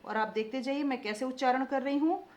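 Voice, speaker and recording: Pitched high and heard in a reverberant space, a young woman leads a children's Hindi phonics lesson on vowel marks, recorded in slightly dull lo-fi. Her delivery is slow and drawn-out, stressing vowel length, punctuated by "ठीक है" and call-and-response questions.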